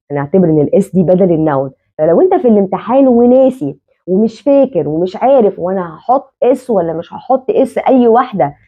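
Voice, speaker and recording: A woman with an Egyptian Arabic accent teaching an English grammar lesson, repeating words slowly so learners can follow. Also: low voice. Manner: slow, repeats words to drill them. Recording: tinny phone-like sound.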